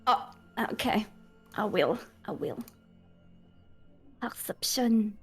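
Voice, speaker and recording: Girl playing dnd, casual improv, high swoopy voice, bit of music behind. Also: animated, unhurried. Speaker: tabletop game player.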